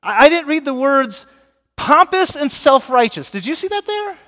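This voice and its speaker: A man delivers a sermon from the pulpit, lively and engaging, often turning to quiz the congregation. His voice sits high for a man. The sound carries a long reverb from the church sanctuary. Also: moderate pace. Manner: animated, asks the congregation questions. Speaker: pastor.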